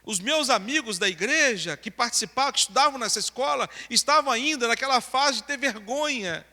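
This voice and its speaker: Male Brazilian pastor, high bright voice, storytelling sermon, long church-hall reverb. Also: fairly quick. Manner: storytelling with swings from loud excitement to hushed gravity. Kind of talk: sermon testimony.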